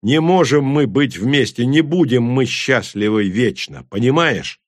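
A man's voice: medium pitch, lively intonation, a little slow, dry recording, studio quality. A man reading an audiobook, voicing a bitter male werewolf warrior who talks bluntly and swears. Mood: grim.

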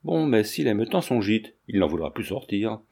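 A man voicing a kind, genteel young lady who speaks gently and asks questions, read from a novel. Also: on the low side, very animated, moderate pace, gravelly, heavily acted. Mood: gentle.

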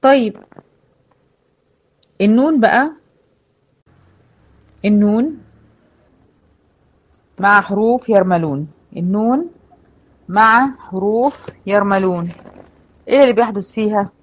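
A woman's voice: mid-range voice, lively intonation, unhurried, long pauses, dull audio. A woman with an Egyptian accent teaching Quran recitation rules to female students, patiently asking questions and answering them herself. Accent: Egyptian Arabic. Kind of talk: online tajweed lesson to female students.

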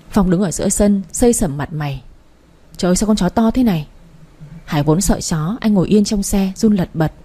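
A woman reading a romance story aloud in a steady storytelling manner. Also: mid-range voice. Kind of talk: storybook audiobook narration.

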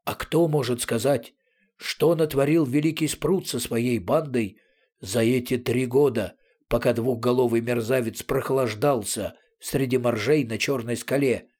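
A man's voice: mid-range voice, fairly even intonation, unhurried, darkish tone, husky. A man playing a thundering stern old commander. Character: stern older male fleet commander, imperious.

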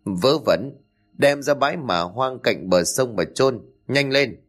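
A man voicing a stern middle-aged village chief in a storybook reading, gruff and scolding. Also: mid-range voice, lively intonation, takes it slowly, soft background music.

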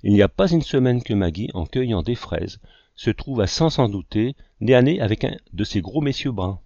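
A man voicing an older uncle who teases his nephew with deadpan seriousness, in a low voice. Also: normal speed, gravelly, no echo, dull audio. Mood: dry. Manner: deadpan teasing. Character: teasing older uncle, dry wit.

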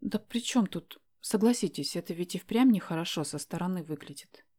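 A woman's voice: on the low side, fast, warm tone, close to an everyday voice. A woman reading a shy polite young student girl. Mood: firm. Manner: polite, hesitant, flustered.

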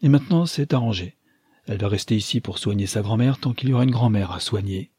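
Guy doing a bossy old granny, teasing, husky and a bit higher, dry close sound. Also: fast, dark tone, no echo. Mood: scheming, teasing. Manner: teasing, commanding, sly. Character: shrewd, imperious old grandmother, bedridden.

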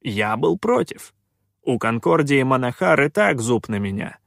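A man's voice: mid-range voice, sing-song, a little slow, vocal fry, fairly bright tone, no echo, clean studio sound, exaggerated voice. A man voicing a cocky, sarcastic male pirate captain who snaps back with irritated scorn. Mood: scornful. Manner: scornful, irritated, coolly offhand.

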